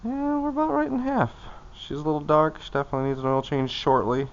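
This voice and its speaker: Talking fast in a fairly high voice, a vlogger mutters short, loose phrases to himself while maintaining his own car. The sound is lo-fi, with a bit of hiss or hum.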